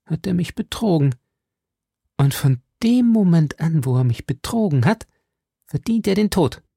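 A man's voice: medium pitch, lively intonation, unhurried, warm tone, slightly rough, no echo, clean studio sound. A man voicing a cold, scheming young noblewoman who speaks in a cutting, mocking tone.

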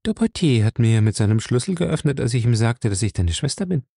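A man's voice: mid-range voice, expressive, a little fast, creaky, warm tone, breathy edge, no echo, studio quality. A man voicing a weary young woman who pleads apathetically with her brother. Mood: pleading.

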